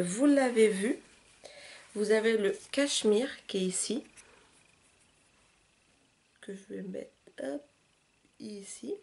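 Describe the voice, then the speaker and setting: A woman vlogger chatting casually through a makeup tutorial, with loose fillers and soft, half-muttered asides while she works. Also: medium pitch. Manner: chatty, loose, with frequent "euh", "hop" and "voilà". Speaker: beauty vlogger.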